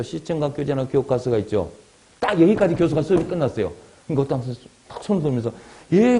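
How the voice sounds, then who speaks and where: A man's voice: medium pitch, mellow. A middle-aged man giving an exam-prep lecture, digressing into chatty stories and anecdotes.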